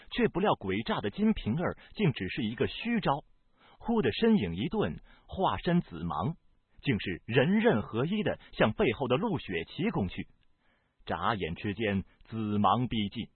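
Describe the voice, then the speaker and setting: A man narrates a novel in a husky, breathy voice, his pitch rising and falling with the drama. The sound is dry and tinny, like a phone line. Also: no echo. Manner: expressive, varied storytelling delivery. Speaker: audiobook narrator.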